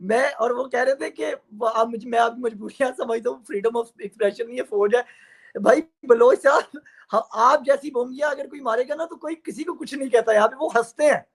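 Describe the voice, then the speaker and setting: A man's voice: very high-pitched, a little fast, gravelly, hardly any pauses. A man arguing in a heated televised debate, mocking and taunting his opponent and talking over interruptions.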